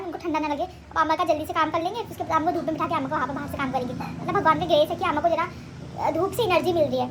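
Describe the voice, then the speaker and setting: A woman's voice: very high-pitched, noisy background. A young woman vlogging casually at home on a handheld phone, rambling and correcting herself as she talks. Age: young adult. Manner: rambling, chatty, self-correcting. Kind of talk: casual home vlog chat. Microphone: handheld phone camera.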